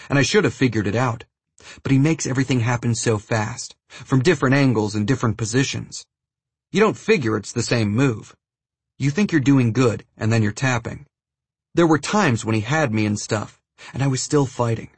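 Husky man reading a scripted narration. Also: medium pitch, dry recording. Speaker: audiobook narrator.

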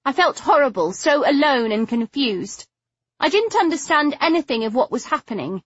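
A woman's voice: high voice, sing-song, moderate pace, a bit bright, dry recording, muffled recording, pitched above the performer's own voice. A woman reading an audiobook, voicing a sulky, stubborn young woman who sounds plaintive and scornful. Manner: petulant, spitting, insistent.

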